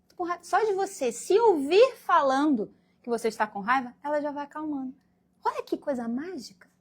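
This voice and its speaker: A woman from Brazil giving a spiritual lecture to a congregation, acting out little scenes in different voices as she goes. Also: high voice. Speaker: guest speaker at a Spiritist meeting.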